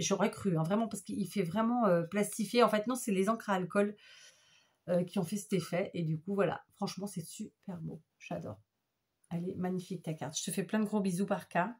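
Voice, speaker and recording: A woman's voice: mid-range voice, a little fast, darkish tone, slightly rough. A woman chatting casually to camera as she shows off handmade papercraft gifts, gushing with enthusiasm. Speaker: craft vlogger. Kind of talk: casual show-and-tell chat.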